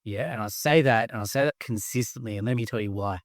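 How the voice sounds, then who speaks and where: A man's voice: lowish voice, fast, no room sound, studio quality. A man, co-hosting a podcast in casual, enthusiastic chat with many fillers and restarts. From Australia. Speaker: podcast host, company co-founder.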